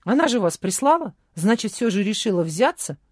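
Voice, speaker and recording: A bold young woman speaks with eager, cheeky directness, voiced by a woman narrator. Her lines come out pitched up and lively, sometimes blurted. The recording is dry and close. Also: brisk, no echo. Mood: probing, bold.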